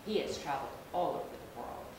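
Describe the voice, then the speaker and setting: A big friendly hippo, put on by a woman from a picture book read to young children. The delivery is hearty and encouraging, with lively swoops of pitch, heard in a very roomy, noisy recording. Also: quick pace. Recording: roomy, distant microphone, rumbling background noise.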